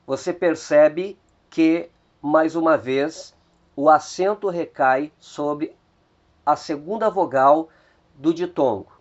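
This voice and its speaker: A man with a Brazilian Portuguese accent teaching at a very slow, careful pace. His voice sits a little high for a man, and he repeats each term twice. The recording sounds dull and lo-fi. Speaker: Biblical Greek teacher. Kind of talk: slow video lesson.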